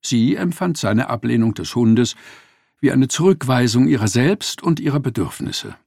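A man narrating a story in a scripted, expressive and wry manner. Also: mid-range voice, moderate pace, vocal fry, no room sound, studio quality.

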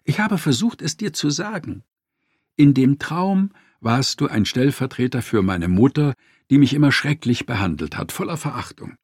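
Brief: male narrator doing an upset wife in an audiobook, pleading, gravelly edge. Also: medium pitch, expressive, moderate pace, dry recording, clean studio sound, pitched above the performer's own voice. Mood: hurt, pleading. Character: upset wife, an adult woman explaining herself.

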